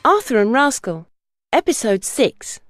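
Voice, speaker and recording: A woman's voice: fairly high pitch, sing-song, loud music behind the voice. A woman reading exercise titles and page numbers for an English textbook audio disc. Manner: clear, measured announcing. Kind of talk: scripted narration.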